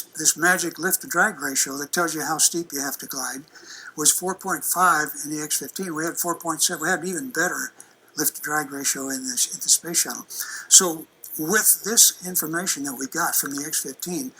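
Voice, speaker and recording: Older man with a sharp, bright voice. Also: a little high, a little hiss or hum, low-quality recording. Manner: folksy, conversational, many restarts. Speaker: aerospace engineer giving a lecture. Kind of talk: presentation with slides and video clips.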